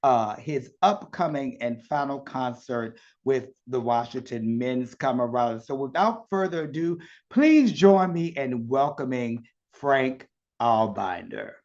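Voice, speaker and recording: A man's voice: medium pitch, lively intonation, measured pace, a little mellow, highs cut off. A man with a Southern accent hosting a virtual interview, chatty and effusive, heard over a video call. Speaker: interview host.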